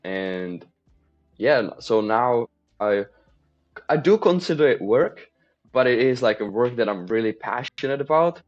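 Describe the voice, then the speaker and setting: A man's voice: medium pitch, lively intonation, unhurried, soft background music. A man, chatting easily as a podcast guest and laughing readily. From Czech Republic. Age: 20s. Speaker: podcast guest, mindset coach. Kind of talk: casual interview chat. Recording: slightly dull lo-fi sound.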